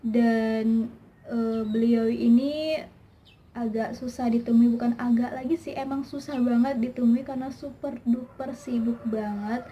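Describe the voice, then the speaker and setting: A woman's voice: a little high, fairly even intonation, measured pace, warm tone. A young woman vlogger telling a personal story in a chatty, emotional way, with many fillers. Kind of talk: personal testimony vlog. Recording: slightly dull lo-fi sound with faint background hiss.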